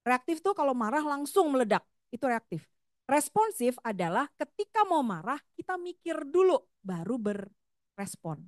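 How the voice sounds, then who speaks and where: A woman's voice: high-pitched, moderate pace, no echo, studio quality. A middle-aged woman psychologist giving a seminar talk on parenting, acting out what parents and children say. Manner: animated, acts out parent and child quotes.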